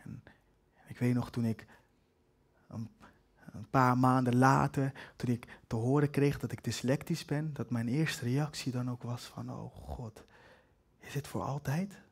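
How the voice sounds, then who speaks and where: A man's voice: medium pitch, steady tone, unhurried. Brief: young male spoken-word performer, hesitant and wry personal storytelling. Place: live stage with an audience.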